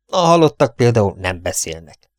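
A man's voice: medium pitch, sing-song, no room sound, voice pushed up, close to an everyday voice. A man voicing a gloating young male murderer in an audiobook, mocking and given to laughter. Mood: gloating, menacing. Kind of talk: audiobook character reading.

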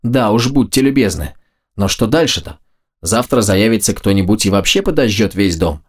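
A man voicing a shrill, spiteful old woman landlady who shrieks and hisses accusations, in an audiobook reading. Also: lively intonation, normal speed, slightly rough. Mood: shrill accusing.

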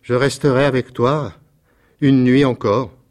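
A man voicing a tender-hearted young male swallow in a storybook reading, high, eager and tremulous. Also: steady tone, a little slow, a little mellow, natural voice. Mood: tender pleading.

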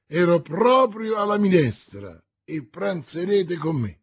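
A hearty, boastful musketeer who bellows his lines with a husky, raised voice, as a male reader puts him on. Slow, swelling delivery in a storybook reading. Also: sits high, very animated, voice pushed up, heavily acted. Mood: boisterous. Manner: loud, exclamatory, raised voice.

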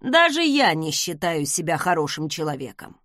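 A woman's voice: low voice, big pitch swings, normal speed, fairly bright tone, no echo, clean studio sound, pitched below the performer's own voice. A woman reading the lines of a smug, charming young male academy student who teases with ironic remarks. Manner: teasing, ironic.

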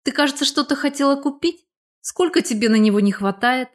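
A woman's voice: sits high, expressive, brisk, pitched above the performer's own voice. A woman reading the part of a confident, playful young man in an audiobook, speaking with joking bossiness. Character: young man, cheerful, confident, teasing old friend. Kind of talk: audiobook character voice.

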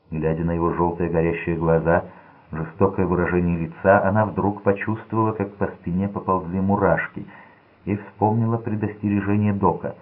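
Deep husky male narrator, tinny audio. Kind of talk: scripted narration. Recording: tinny lo-fi narrow-band audio.

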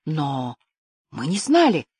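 A woman's voice: on the low side, expressive, moderate pace, no echo, studio quality. A woman voicing a teenage boy hero, heated and accusing, his voice trembling. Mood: intense.

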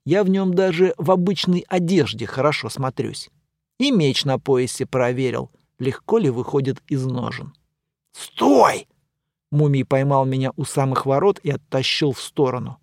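A man reading a first-person fantasy audiobook in a wry, deadpan manner. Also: mid-range voice, no echo, studio quality. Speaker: audiobook narrator.

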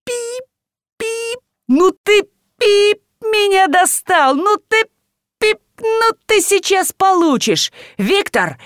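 A woman's voice: medium pitch, very animated, measured pace, no echo, clean studio sound. A woman voicing a furious, bossy wealthy father who barks orders at his household, in an audiobook. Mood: raging, commanding. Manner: shouting, barking orders. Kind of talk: audiobook character voice.

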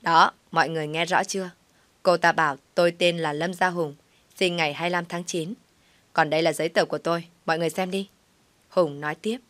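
A cold, scornful young man with a curt, mocking delivery, read by a woman in her own lowish voice. Short, cutting lines. A close, dry sound. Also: steady tone, fast, a bit bright, no echo, close to an everyday voice. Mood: triumphant.

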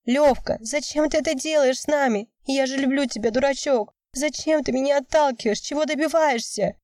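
A woman's voice: fairly high pitch, fairly even intonation, moderate pace, mellow, dry recording, voice pushed up, close to an everyday voice. A woman voicing a tearful, pleading young woman.

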